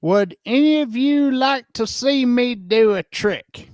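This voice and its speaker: A woman's voice: on the high side, expressive, slow, darkish tone, dry recording, clean studio sound. A woman voicing an eager, whiny little lost boy in a dramatic storybook reading.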